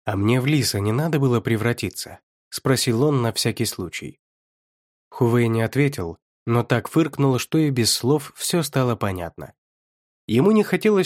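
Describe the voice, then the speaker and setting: A man's voice: mid-range voice, dry recording. Male audiobook narrator, dry sound. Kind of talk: scripted narration of fantasy fiction.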